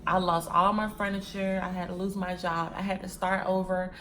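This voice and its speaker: A chatty woman in her 20s, a vlogger, talks casually to her viewers while packing wigs, calling them "y'all" and "sis" and repeating phrases. Her voice sits on the low side with a flat delivery at a normal pace, and the background is noisy.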